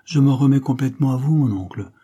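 A man reading the part of an earnest, proud young duchess in a storybook, with a pleading, gentle delivery in his husky voice. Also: mid-range voice, quick pace, pitched above the performer's own voice, close to an everyday voice.

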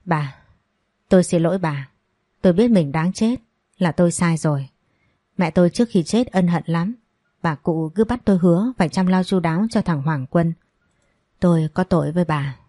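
A woman's voice: fairly low pitch, normal speed, pauses often, mellow, dry recording, clean studio sound, natural voice. A woman voicing a wealthy older man who apologizes and pleads for forgiveness, in a storybook reading. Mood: remorseful.

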